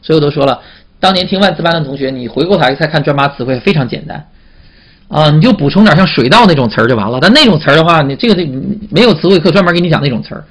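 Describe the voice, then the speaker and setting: Man, teacher, vocabulary lesson, slightly high voice, call-and-response questions. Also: expressive. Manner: repetitive, drawn-out "啊" fillers and call-and-response questions. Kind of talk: classroom vocabulary lecture.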